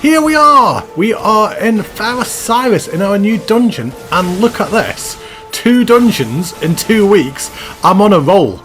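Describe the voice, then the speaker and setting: A man's voice: high voice, big pitch swings, measured pace, a bit bright, rough recording. Chatty self-mocking male game host. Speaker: gaming channel host. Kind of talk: game commentary voice-over. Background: background music.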